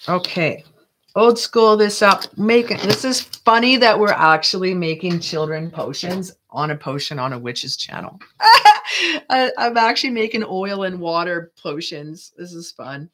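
Here the same kind of Canadian crafter talks through the work in a chatty, jokey way, frequently muttering to themselves. The voice sits at medium pitch with a fairly bright tone and normal speed, and there's a little hiss or hum in the recording.

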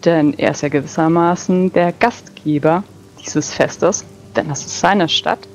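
Speaking a little slowly in a low voice, a woman at a tabletop role-playing session describes her character's actions and sorts out the rules casually. Her dull lo-fi mic picks up background music and a little hiss or hum.

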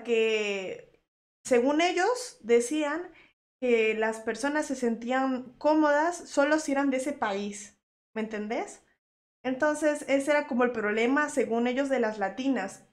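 A woman from Colombia streaming as a VTuber, reacting and chatting with her viewers in an animated, slangy, teasing way with quick laughs. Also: high-pitched. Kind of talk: live stream reaction chat.

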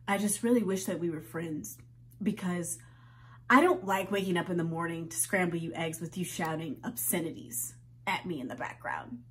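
A young woman performing a dramatic monologue as a hurt, exasperated daughter who cares for her mother, speaking in a halting, pleading, volatile way. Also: lowish voice, slight background noise, close to an everyday voice. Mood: restrained, weary. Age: young adult. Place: indoors, small room with plain backdrop.

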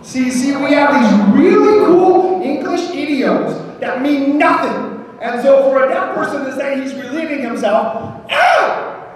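A man, a pastor from the United States, giving a lively storytelling talk to an audience, repeating words and quizzing his listeners. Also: very high-pitched, unhurried. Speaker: pastor giving a ministry presentation. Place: large echoey hall. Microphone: distant from the microphone. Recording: echoey hall from far off.

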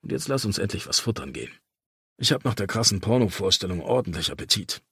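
A man's voice: low voice, sing-song, fast talker, fairly bright tone, slightly rough, no echo, studio quality, exaggerated voice. A man voicing a cheeky, crude young man who mocks his friend in an audiobook. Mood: teasing. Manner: mocking, cheeky.

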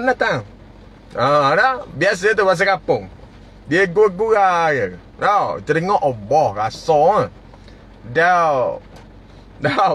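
High-voiced man live-streaming. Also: a bit bright, slightly rough. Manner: greets viewers by name, chuckles often. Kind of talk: casual live-stream chat reading viewer comments.

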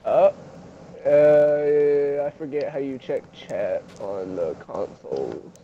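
A man's voice: medium pitch, takes it slowly, narrow, tinny audio, a little hiss or hum. A man chatting casually as a co-op gaming partner, playful and bantering. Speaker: game streamer's co-op partner. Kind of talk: casual gameplay chat.

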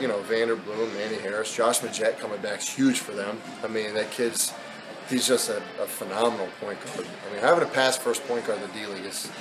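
Candid man in a noisy press room. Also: fairly low pitch. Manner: candid, conversational, many fillers and restarts. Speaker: basketball head coach. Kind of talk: postgame press interview. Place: indoor press backdrop at an arena.

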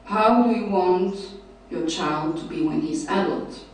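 A hesitant Belgian woman presents research at a summer school conference, using many fillers and restarts from her seat at a panel table in a large lecture hall. She speaks unhurriedly in a fairly low voice. The table mic is recorded by a far camera, leaving her distant in a very echoey room.

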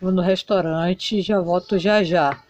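A woman's voice: on the low side, steady tone, a little slow, a little mellow, highs cut off, natural voice. Woman doing a curt male chef husband. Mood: instructing. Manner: curt, dismissive.

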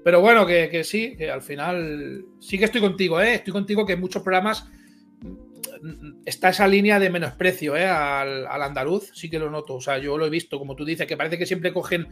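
A man's voice: on the high side, a little fast, fairly bright tone, faint music behind. A man in a casual live chat, talking in a chatty, slangy way with many restarts.

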